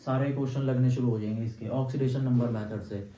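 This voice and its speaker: A man's voice: mid-range voice, fairly even intonation, mellow. A man teaching chemistry in a lecture, asking questions and answering them himself step by step. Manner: quizzes students with constant checks like "clear?"; answers his own questions, slow stepwise counting. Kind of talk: classroom lecture at a board. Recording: echoey room, distant mic, dull sound.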